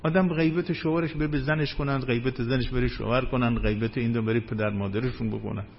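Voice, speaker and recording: A man's voice: mid-range voice, fairly even intonation, vocal fry, a little hiss or hum. Preaching man on a dull recording. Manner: measured preaching, rising and falling emphasis. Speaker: cleric. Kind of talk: sermon. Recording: dull lo-fi recording with faint ambience.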